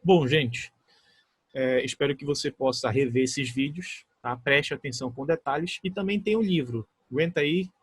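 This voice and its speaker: Brazilian guy teaching english in a video class, kinda husky voice, dry close sound, reads examples slow. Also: medium pitch, dry recording. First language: Portuguese. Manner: patient and explanatory, with frequent checks like "tá?" and "tá bom?"; reads English example sentences slowly and deliberately. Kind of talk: recorded classroom lesson.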